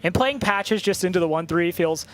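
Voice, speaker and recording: A man casting a card game tournament, talking through plays with quick joking banter. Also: high-pitched, fairly bright tone. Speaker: esports caster. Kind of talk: play-by-play commentary.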